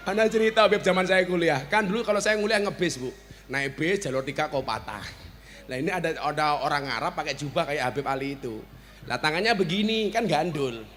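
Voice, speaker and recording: A Javanese-accented man gives a comic sermon in a high, bright, forceful voice. He teases the crowd, trades banter and shouts out his punchlines. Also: animated, fairly quick. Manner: joking, banter with the audience, bursts into shouts. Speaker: preacher. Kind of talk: humorous sermon at a village gathering.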